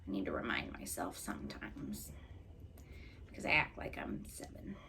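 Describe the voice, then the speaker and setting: Gravelly woman in her late twenties, chatting. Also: very deep voice, big pitch swings, normal speed, noisy background. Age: late 20s. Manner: chatty, rambling and playful. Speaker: craft vlogger. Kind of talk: casual chat while crafting.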